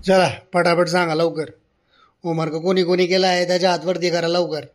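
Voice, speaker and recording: A man with a high, flat voice speaks fairly quickly in a lightly acted performance, playing a stern, sarcastic village schoolmaster in a comedy cartoon. He uses a Khandeshi Ahirani accent and scolds in a sarcastic, bossy way.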